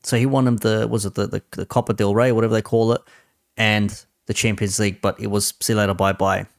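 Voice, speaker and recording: With a lowish, gravelly voice, level in tone and fast, this man hosts and shares football opinions off the cuff, making points sarcastically, rhetorically and repetitively. The studio sound is clean and echo-free.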